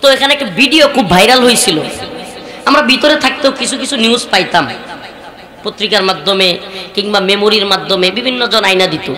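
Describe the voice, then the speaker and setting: A male preacher tells a mocking story that swings to loud outbursts. His voice carries through a roomy, echoing hall. A large crowd is audible behind him. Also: high-pitched, fast. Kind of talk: sermon. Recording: echoey hall with crowd noise.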